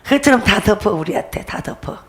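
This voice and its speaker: A woman's voice: medium pitch, animated, fast talker. A woman pastor giving a testimony sermon, emphatic and repetitive, often breaking into laughter as she urges her listeners.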